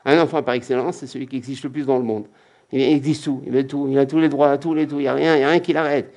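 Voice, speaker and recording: A man's voice: medium pitch, fairly even intonation, fast, a little mellow. A man giving a religious lecture as a rabbi, emphatic and repetitive, often acting out quotes.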